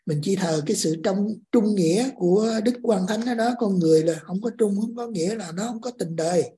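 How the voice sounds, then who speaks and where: A woman calmly explaining spiritual practice. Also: mid-range voice, fairly quick. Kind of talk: religious discussion.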